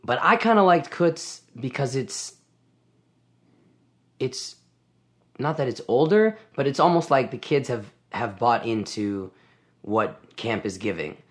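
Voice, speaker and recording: A man's voice: medium pitch, lively intonation, takes it slowly, pauses often, fairly bright tone. A man in his twenties, a camp song leader, talking thoughtfully in a casual interview. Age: 20s. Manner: thoughtful, talks in restarts.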